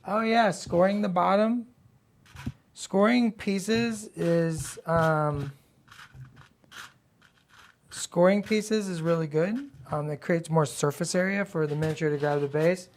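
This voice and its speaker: A woman with a gravelly, slightly worn-out voice, hosting a livestream in casual, blunt, playfully sassy hobby chat. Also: lowish voice, slow pace, long pauses, a little mellow, a little hiss or hum. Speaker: livestream host.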